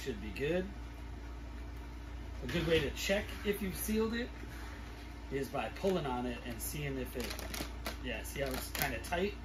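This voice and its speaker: A middle-aged man with a sick, congested throat, giving a casual hands-on demonstration in a halting mutter as he works. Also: medium pitch, expressive. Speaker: food-storage vlogger. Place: small living room, indoors. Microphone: camera a few feet away. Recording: distant camera mic, clearly noisy room.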